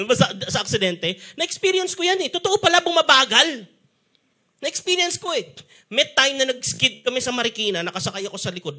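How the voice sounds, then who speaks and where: A male pastor with a Filipino accent delivers a lively sermon. His voice sits high and sounds bright and forceful. He tells stories with energy and acts out the quotes. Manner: animated storyteller, switching between Tagalog and English, acting out quotes.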